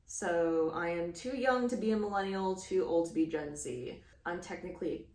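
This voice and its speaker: A woman's voice: fairly low pitch, normal speed, darkish tone, far from the mic. Chatty thirty-year-old woman, roomy sound. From Houston, Texas. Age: 30s. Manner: rambling, filler-heavy, laughs often. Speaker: crochet vlogger. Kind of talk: casual chat.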